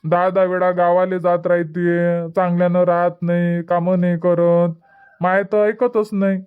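A pleading, whiny henpecked young son, as a voice actor plays him. His medium-pitched voice is smooth and clear, a cartoon comedy character. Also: flat delivery, unhurried, phone-quality sound, natural voice. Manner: pleading, whiny, soft-spoken.

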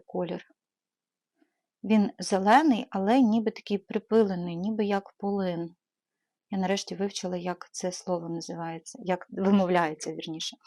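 A woman's voice: medium pitch, a little mellow, no room sound, studio quality. A woman from Ukraine chatting casually as she shows her knitting supplies in a vlog, with frequent hesitant fillers and fond diminutives. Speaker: knitting channel host. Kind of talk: casual show-and-tell vlog.

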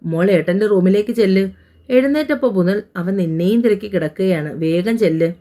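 A woman's voice: mid-range voice, warm tone, lightly acted. A woman voicing a tender, bustling middle-aged mother in a family audio story. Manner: tender, hurried.

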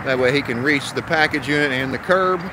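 A man in his thirties, an HVAC technician, talks casually to his phone camera on a commercial rooftop, explaining the job step by step. His voice is mid-range and fairly quick. The phone is held at arm's length, and the outdoor audio picks up traffic noise.

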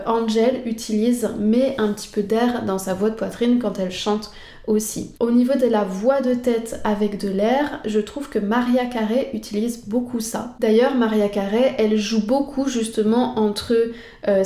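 French singing teacher with a fairly high voice. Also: female voice, steady tone, measured pace, dark tone, echoey room. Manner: patient, explanatory, tutoring the viewer directly. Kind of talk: singing lesson explanation.

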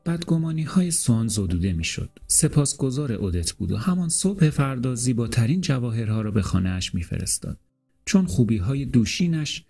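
A man reading a literary novel aloud as an audiobook narrator, in a measured, calm and deliberate way. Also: medium pitch, husky.

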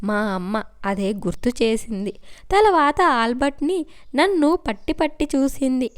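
Crisp-voiced woman narrating a story. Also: sits high, expressive, measured pace, no echo, studio quality. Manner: dramatic first-person reading.

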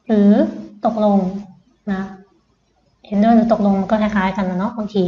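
A woman's voice: medium pitch, fairly even intonation, echoey room, muffled recording. A woman English tutor with a Thai accent, teaching children vocabulary patiently and repeating each word. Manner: patient, repeats words slowly. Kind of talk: slow vocabulary lesson for children.

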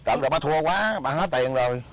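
An actor playing a scheming, bossy beggar husband in a comedy sketch, scolding in loud banter. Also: male voice, on the high side, animated, a little fast, lightly acted. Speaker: comic actor.

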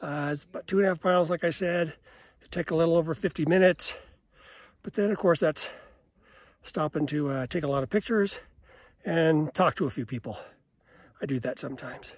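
A man's voice: a little high, dry recording. Man vlogging on a snowy trail. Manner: relaxed, plain, with fillers and pauses while hiking. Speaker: hiker vlogging his own hike. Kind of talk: casual narration while walking. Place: outdoors on a snowy mountain trail. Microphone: phone camera held at arm's length.

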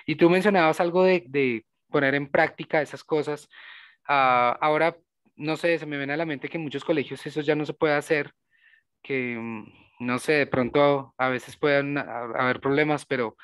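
A man's voice: on the high side, smooth, dry recording. A man, a teacher hosting a casual interview, asking thoughtful questions with hesitant fillers. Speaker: host and teacher.

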